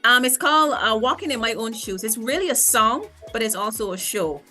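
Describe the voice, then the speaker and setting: Woman, guest vocal coach, bright and earnest, reflective with restarts, faint music underneath. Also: fairly high pitch, lively intonation, brisk. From Barbados. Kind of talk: interview conversation.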